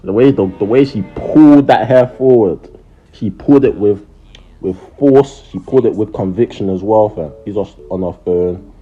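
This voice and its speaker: A man's voice: lowish voice, moderate pace, muffled recording, faint music behind. A young man with a London accent and slangy roadman delivery, giving casual comedic voice-over commentary.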